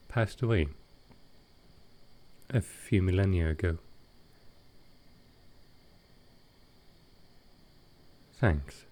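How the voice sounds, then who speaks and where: A man whose voice sits on the low side performs an intimate audio roleplay as an ancient vampire, wistful and gentle. His delivery is quiet and tentative, broken by halting pauses.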